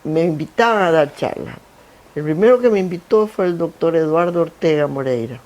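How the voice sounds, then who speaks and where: In a fairly low-pitched voice, an older Guayaquil woman speaking coastal Ecuadorian Spanish recounts her work as an interview guest on a theater stage. She founded a foundation, and her storytelling is lively and anecdotal, marked by lists with repetition.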